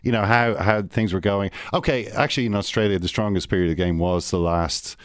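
Low-voiced podcast co-host, chatty. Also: male voice, a little fast, no echo. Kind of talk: casual podcast chat.

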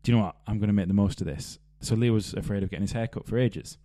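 A podcast host with a lowish, dark-toned voice races through rambling anecdotes in casual chat, laughing in the middle of his sentences.

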